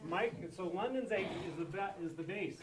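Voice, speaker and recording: Man teaching math to a class, higher-pitched, emphatic, recorded from across an echoey classroom. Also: normal speed, far from the mic, crowd noise. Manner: repeats key points with emphatic checks. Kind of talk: classroom lesson.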